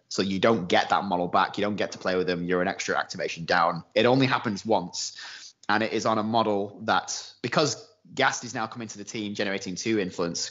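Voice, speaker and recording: A man's voice: lowish voice, a bit bright, muffled recording. A man, a game developer, explaining rules in a casual podcast chat with many fillers.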